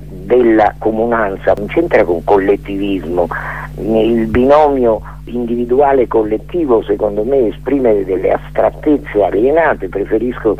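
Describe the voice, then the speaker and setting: An older man with a fairly low, slightly breathy voice appears as a radio guest, drifting through a philosophical monologue and pausing as he hunts for words. The sound is muffled and tinny, like a phone line on the radio.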